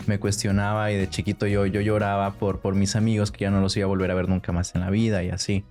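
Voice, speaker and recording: Young guy from ecuador on a podcast, lowish voice, chatty and hesitant, music behind. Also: fast. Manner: relaxed, hesitant storytelling with fillers. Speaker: podcast guest. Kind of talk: casual conversation.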